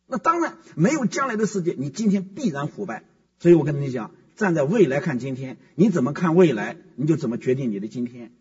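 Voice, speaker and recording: A man's voice: on the high side, very animated, fast talker, breathy edge. A man preaching a sermon as pastor, emphatic and fond of rhetorical questions. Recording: muffled, echoey hall from far off.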